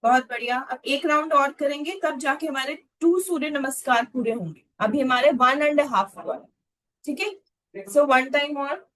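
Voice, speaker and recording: A woman yoga teacher, leading a class in slow, drawn-out mantra chanting with long pauses. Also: high-pitched, a bit bright.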